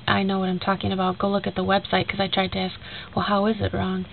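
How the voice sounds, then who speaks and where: A young woman, stuffy and nasal from a cold, rambles casually in a video message to a friend, retelling a conversation with lots of fillers. Her mid-range voice is fast, creaky, and delivered completely flat, captured on a tinny lo-fi recording with faint hiss.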